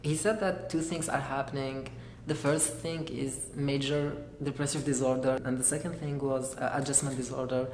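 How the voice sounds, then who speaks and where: A young man from Algeria, giving an earnest, halting personal testimony as a graduate student. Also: mid-range voice, level tone, a little mellow. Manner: earnest, halting, searching for words. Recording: echoey room with faint noise.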